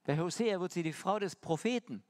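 A man preaching a sermon, shifting between quick asides and slow, emphatic lines and putting rhetorical questions to the congregation. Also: high-pitched, lively intonation.

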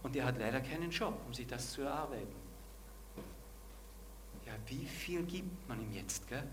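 A man's voice: mid-range voice, expressive, moderate pace, background noise. A man preaching a sermon and asking the congregation direct questions.

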